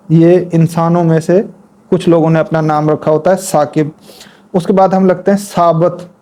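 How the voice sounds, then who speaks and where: Male tutor, mellow and a little high-pitched, patient, spells words out slowly during the lesson. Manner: talks while demonstrating at a board. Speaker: Urdu writing teacher. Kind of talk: instructional lesson.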